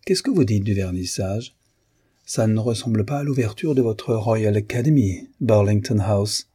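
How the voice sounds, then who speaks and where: A man voicing a genial, well-off gentleman who speaks in an affable, joking way. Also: fairly low pitch, normal speed, husky, no room sound, clean studio sound.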